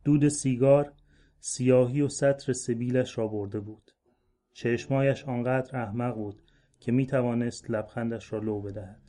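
A man reading a literary short story aloud in a measured, slow-building delivery. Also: medium pitch, steady tone, dark tone. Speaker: story reader. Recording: faint music bed under voice.

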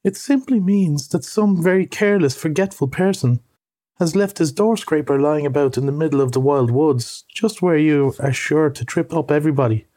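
A man's voice: a little high, warm tone, voice pushed up, natural voice. A man doing a fussy pettish male mole. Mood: puzzled, fussy. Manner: prim, slow, indignant. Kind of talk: audiobook reading.

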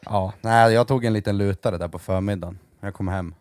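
A man's voice: lowish voice, smooth, dry recording. A man co-hosting a casual podcast chat, telling stories with lots of energy, acting out other people and laughing as he goes. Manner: animated storyteller, mimics others, laughs often. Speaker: podcast co-host.

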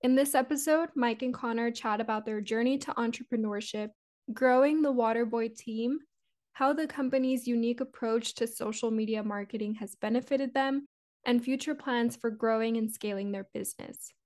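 A woman's voice: on the high side, moderate pace, a little mellow. A woman hosting a business podcast, reading a scripted intro and asking friendly questions. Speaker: podcast host.

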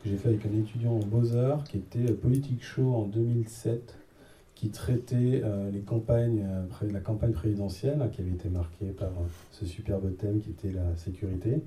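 A man's voice: lowish voice, brisk, mellow. A man speaking as a panel guest, hesitant, searching for words and using many fillers. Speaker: game designer and panel guest. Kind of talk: casual panel talk. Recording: echoey room from a distance.

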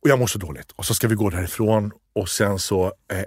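A man's voice: fairly low pitch, husky, dry recording, clean studio sound. A man telling a funny story in casual chat, acting out the people he quotes. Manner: animated, acts out quoted voices. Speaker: podcast co-host.

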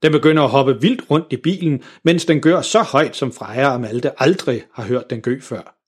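A man reading a children's story aloud in a lively, expressive way. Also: medium pitch, breathy edge.

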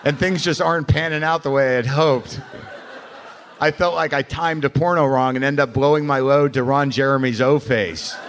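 A man's voice: mid-range voice, steady tone, moderate pace. An American man hosts a live comedy show in a mid-range voice. He talks informally, with plenty of swearing. There is faint room noise behind him. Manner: profane, informal. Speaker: podcast host, comedian. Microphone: stage microphone.

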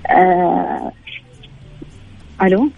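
A woman doctor, calling in to a radio show, speaking haltingly with many drawn-out fillers while her phone line crackles and cuts out. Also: fairly low pitch, creaky. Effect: breaking-up, crackling phone line. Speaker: obstetrician guest on call-in radio. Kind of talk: phone-in interview. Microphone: telephone.

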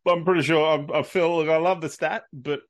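A man's voice: on the high side, steady tone, a little fast, dry recording. An Australian man co-hosting a podcast, giving blunt, laid-back opinions in casual sports chat. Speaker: podcast co-host.

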